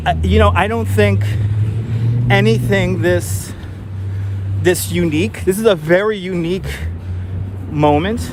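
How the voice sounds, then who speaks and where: As he walks outdoors, a live stream host with a mild New York accent and a slightly high voice chats casually with his viewers. He thinks out loud and frequently restarts sentences, while faint street traffic hums behind his wireless clip-on mic.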